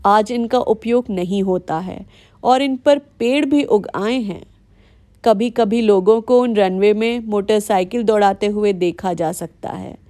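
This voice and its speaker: A vlogger, a woman with an Indian accent, reads scripted, documentary-style narration in a measured, explanatory way. Her voice is medium-pitched with a dark tone.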